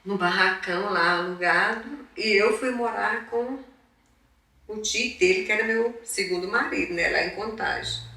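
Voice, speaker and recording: A woman from northeastern Brazil recounts her life for a documentary, playing out old conversations as she goes. Her voice is bright and forward. It sounds far from the mic in a very echoey room. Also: mid-range voice, normal speed. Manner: lively storyteller who acts out past conversations. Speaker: interviewed mother. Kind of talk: documentary interview storytelling.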